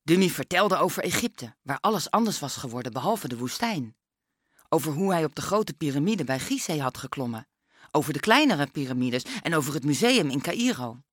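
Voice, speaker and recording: A woman narrating a children's story in a lively, expressive way. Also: low-pitched, brisk, dry recording, studio quality. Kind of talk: children's book reading.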